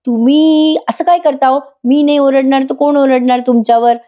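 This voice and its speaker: A woman reads a young wife who sulks and teases by turns. She speaks in a soft, mellow voice that sits fairly high. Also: moderate pace, lightly acted. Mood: sulky playful. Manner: pouting, playful. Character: young wife and student, playful and sulky. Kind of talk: reading a character's lines in a TV review.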